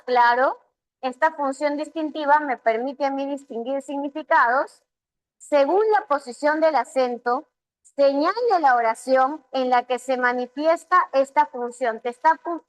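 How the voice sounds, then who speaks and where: Slow, high-voiced Peruvian teacher woman. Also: rough recording. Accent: Peruvian Spanish. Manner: patient, asks students questions and voices their replies. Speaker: language teacher. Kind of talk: online class explaining exam answers.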